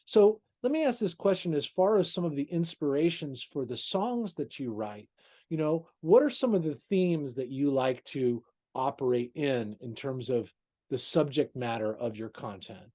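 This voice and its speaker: A man's voice: medium pitch, lively intonation, normal speed, dark tone. A male interview host who talks in an effusive way, praising his guest and calling him brother. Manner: effusive, calls guest "brother", many "you know"s. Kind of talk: casual interview.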